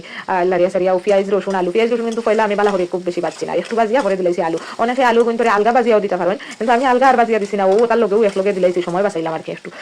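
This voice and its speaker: A woman's voice: mid-range voice, darkish tone. A woman with a Sylheti accent, chatting casually as she walks through a home recipe step by step. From Sylhet, Bangladesh. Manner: chatty, explains each step as she cooks. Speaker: cooking vlogger. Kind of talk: casual cooking narration.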